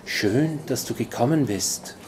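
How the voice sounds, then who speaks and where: A man reading aloud voices a chorus of shadowy spirits in a soft, breathy, unvoiced whisper. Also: medium pitch, lively intonation, slight background noise, close to an everyday voice. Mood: menacing. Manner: soft, slow, hushed.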